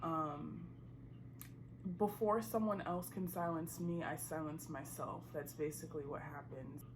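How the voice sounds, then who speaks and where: A woman in her twenties from Chicago gives a personal interview with a lowish voice. She talks thoughtfully and measures her words. A noisy background hums under the recording. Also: steady tone, unhurried. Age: 20s. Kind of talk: personal testimony.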